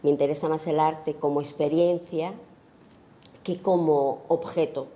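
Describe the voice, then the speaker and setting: A woman from Spain speaks at a festival talk about her photography, feeling her way through each thought with frequent fillers and rhetorical tag questions. Her voice sits low and soft, with a dark, mellow tone. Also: fairly even intonation, measured pace. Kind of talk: informal lecture on her own work.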